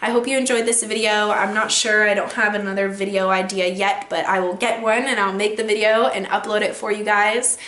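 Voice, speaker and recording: A woman's voice: medium pitch, fairly even intonation, fairly quick, few pauses, fairly bright tone, echoey room. A young woman giving casual dating advice in a vlog, chatty and rambling with lots of fillers. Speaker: vlogger.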